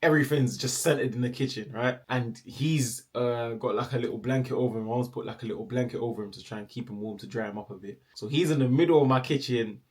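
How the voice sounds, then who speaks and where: Give me a lively young man telling a story. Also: mid-range voice, fast talker, hardly any pauses. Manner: animated, slips into playful voices for others. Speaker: storyteller vlogger. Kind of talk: casual storytelling.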